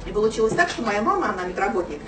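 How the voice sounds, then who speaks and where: A woman's voice: medium pitch, big pitch swings, rapid-fire, music in the background. A woman in her thirties telling her own story to a small audience, chatty and full of fillers, filmed from across a small office room. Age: 30s. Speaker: speaker at a business meeting. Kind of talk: personal story talk to an audience. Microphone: far camera, no mic. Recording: roomy, distant camera sound.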